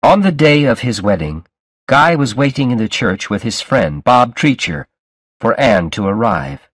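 Slow, deliberate male story reader. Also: mid-range voice, big pitch swings, no room sound. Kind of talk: scripted story narration for learners.

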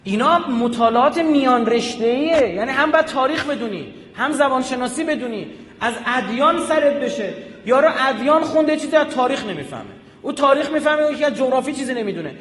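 High-voiced man lecturing in an echoey hall. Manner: animated, quizzing the audience with rhetorical checks. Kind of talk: public lecture. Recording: echoey hall with long reverb.

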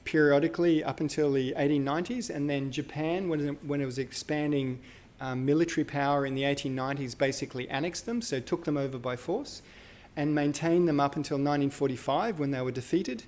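Fairly quick and with hardly any pauses, a male university lecturer gives a casual live lecture in a hall. His voice is a little high and a little mellow, and he thinks aloud with fillers and self-corrections.

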